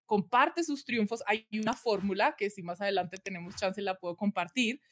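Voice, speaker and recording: A woman's voice: medium pitch, normal speed, fairly bright tone. A woman from Colombia, a communication expert telling her story earnestly as a podcast guest and often checking in with the listener. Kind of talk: conversational podcast interview.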